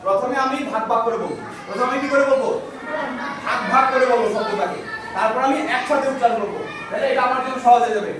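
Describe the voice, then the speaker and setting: A man's voice: extremely high pitch, quick pace. A man teaching a class, asking questions and having the students repeat answers back. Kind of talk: classroom teaching, call and response. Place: large echoey classroom. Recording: echoey room, distant mic, noisy.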